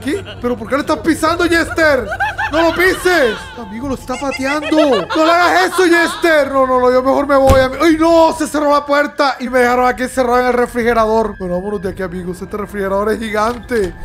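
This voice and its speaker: A man narrates a video game to his audience in a high, light voice. He is excitable, shouts and laughs a lot, and addresses viewers directly. Soft game music plays quietly underneath. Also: quick pace, few pauses. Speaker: gaming YouTuber. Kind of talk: let's-play commentary.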